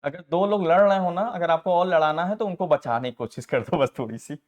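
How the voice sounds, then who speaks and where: A man teaching accounting software in a casual class, telling stories with frequent laughs and acting out the people in them. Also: fairly high pitch, brisk. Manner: chatty storytelling, laughing often, acting out quoted people.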